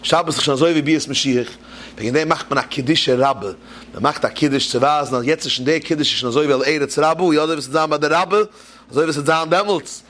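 A preacher delivers a Yiddish-style Torah talk, teaching through jokes and rhetorical questions. His voice is fairly high, a bit bright, and he speaks fast.

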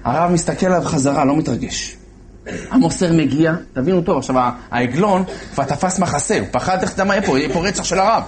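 Animated male storyteller, voice on the high side. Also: a little hiss or hum. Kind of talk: storytelling sermon.

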